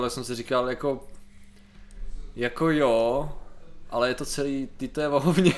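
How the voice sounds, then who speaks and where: Sarcastic joking man in casual chat. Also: mid-range voice. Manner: sarcastic, joking, animated rants. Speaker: podcast co-host.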